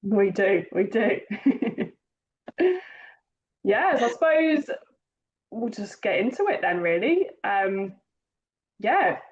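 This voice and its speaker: A woman hosts a podcast in a relaxed, easy-going way, laughing as she goes and phrasing her questions loosely. Her mid-pitched voice comes through a slightly dull, lo-fi recording. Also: slow pace, long pauses. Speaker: podcast host. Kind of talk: casual podcast chat. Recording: dull lo-fi sound.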